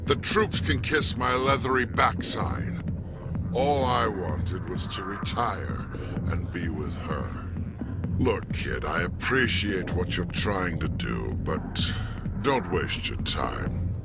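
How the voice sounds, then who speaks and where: An actor playing a drunk, bitter old alien general who talks in gruff, slurred self-pity. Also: male voice, low voice, lively intonation, slow pace, loud music behind the voice, exaggerated voice. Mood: scornful.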